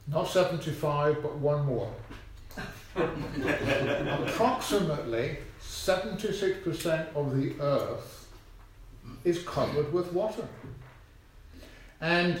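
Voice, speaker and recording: A man's voice: a little high, darkish tone, echoey room. A man leading a children's talk at a church service, chatty, asking the congregation questions. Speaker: preacher. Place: church hall.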